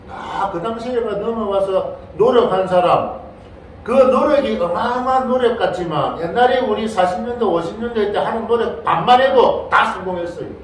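Older monk lecturing in an echoey hall. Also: male voice, sits high, slight background noise. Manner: keeps prompting listeners with a questioning "eh?", playful, imitates a cow's moo. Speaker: Buddhist monk lecturing on a sutra. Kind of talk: Dharma lecture to a congregation. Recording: very echoey hall, voice far from the mic.

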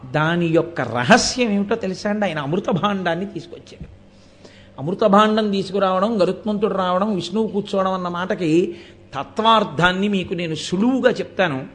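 A man giving a live devotional discourse to an audience, asking rhetorical questions and quoting verses as he explains. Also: sits high. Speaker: spiritual discourse speaker.

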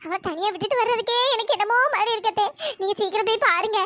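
A worried woman fretting over a relative who has been left alone, voiced by a performer. She speaks earnestly in a very high cartoon voice. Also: fast, pushed and bright. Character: worried woman caring for a family.

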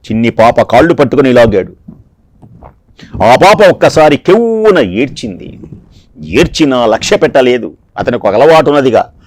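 A man's voice: mid-range voice, very animated, moderate pace, pauses often, darkish tone. A man giving a devotional discourse, telling a scripture story dramatically and repeating phrases for emphasis. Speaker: discourse speaker.

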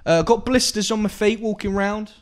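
A man chatting casually as a podcast guest, rambling and halting, laughing often. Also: high-pitched. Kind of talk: casual chat.

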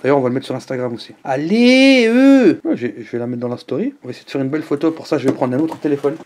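A man reviewing food in a casual vlog, chatting to the camera at home with lively exclamations and asides to his viewers. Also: medium pitch, racing.

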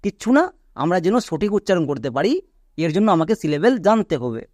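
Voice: medium pitch, animated, fast talker, a little mellow, no room sound, studio quality. Patient teacher. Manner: explains step by step, quizzing the viewer with questions. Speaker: English teacher. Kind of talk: online grammar lesson.

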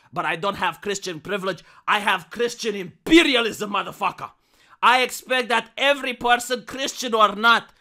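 A young adult man giving a satirical dramatic reading like a hammy stage actor, pompous and theatrical, swinging from hushed lines to loud declaiming. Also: high-pitched. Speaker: comedic narrator.

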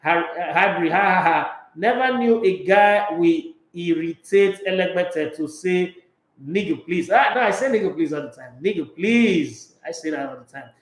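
A middle-aged Nigerian man hosts a live sports talk show from a small, echoey radio studio, reading viewer comments in an animated, emphatic way and mixing pidgin into his English. His voice is high-pitched and moderately paced, picked up by a studio microphone as he wears headphones.

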